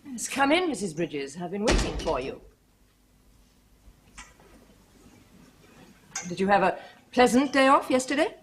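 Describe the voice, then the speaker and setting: An actress playing the aristocratic mistress of a household in a period television drama. She gives crisp upper-class orders and then gentle reassurance. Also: mid-range voice, big pitch swings, a little fast, slight background noise, close to an everyday voice. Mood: stern. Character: aristocratic lady of the house, firm yet kindly.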